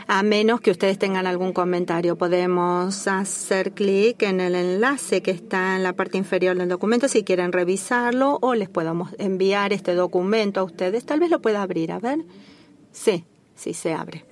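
A woman with a medium-pitched voice provides simultaneous interpretation for a formal working-group call. She speaks in a measured, formal manner with small restarts.

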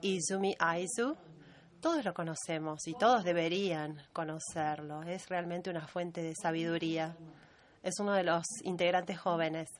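A woman giving a steady, measured simultaneous interpretation of a meeting chair's remarks and roll call. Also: on the low side. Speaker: conference interpreter.

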